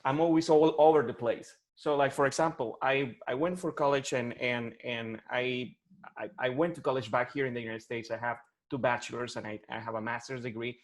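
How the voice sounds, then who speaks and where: A man in his forties from Colombia with a Colombian Spanish accent, talking haltingly with many restarts as a client in a one-on-one coaching session over a video call. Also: mid-range voice, steady tone. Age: 40s.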